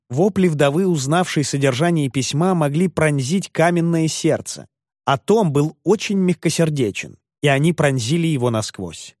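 A man's voice: a little high, a little mellow, no room sound, clean studio sound. A man narrating an audiobook expressively.

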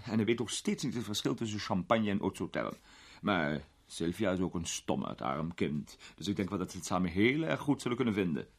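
A man voicing a sharp-tongued old duchess and grandmother, gossipy and doting, in a storybook reading. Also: on the low side, breathy edge, pitched above the performer's own voice, heavily acted.

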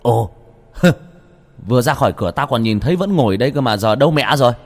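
A man voicing a blunt, grumpy older village man who curses and scoffs, with a lively, lowish voice. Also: normal speed, soft background music. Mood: scoffing. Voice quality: gruff, cursing, mocking.

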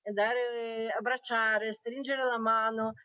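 A woman from Ukraine, a community representative, answering a live interview over a phone line and speaking haltingly while she searches for words. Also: fairly high pitch, flat delivery, bright, forceful tone, no echo. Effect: heard over a phone line. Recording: dull lo-fi phone audio.

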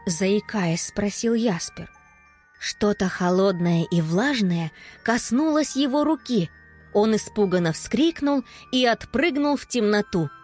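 Expressive woman reading a children's story. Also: medium pitch, unhurried, soft background music. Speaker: audiobook narrator.

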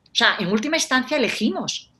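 A woman's voice: on the high side, fast talker. A woman, a life coach explaining ideas in a casual conversational way and acting out example phrases. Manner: animated, acts out example phrases.

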